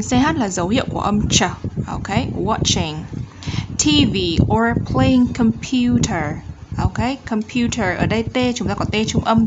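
A woman teaching English pronunciation in a Vietnamese accent. She reads English phrases slowly and carefully, then explains them briskly in Vietnamese. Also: medium pitch, background noise. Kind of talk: pronunciation lesson.

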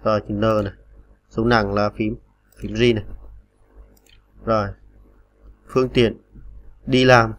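A man's voice: fairly low pitch, steady tone, measured pace, long pauses. A man teaching typing on a computer in a patient, step-by-step way, with many small fillers. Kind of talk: screen-recorded typing tutorial.

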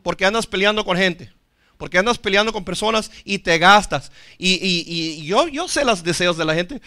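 A male pastor preaches with emphasis, swinging from loud to hushed and calling on the congregation to respond. His voice is high and bright. The sound is dry and close. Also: moderate pace, no room sound. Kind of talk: sermon.

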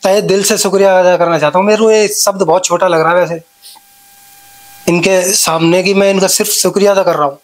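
A man's voice: sits high, fairly even intonation, fairly quick. A man who is a therapy client, earnestly thanking his therapist and searching for words as he speaks.

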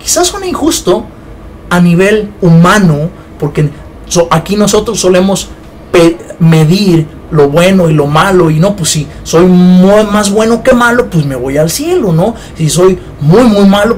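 A man's voice: sits high, lively intonation, measured pace, a little mellow, a little hiss or hum. A man giving an informal Bible teaching, talking conversationally and often checking in with his listeners. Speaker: preacher.

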